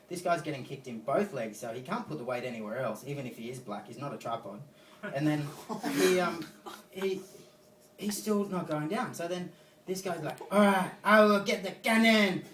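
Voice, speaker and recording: Australian stand-up comic, recorded roomy and far. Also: male voice, on the high side, pushed and bright. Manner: rambling, loose storytelling with fillers and swearing. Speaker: stand-up comedian. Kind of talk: stand-up comedy set. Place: comedy venue stage. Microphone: phone recording from the audience. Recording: roomy, distant phone recording with faint noise.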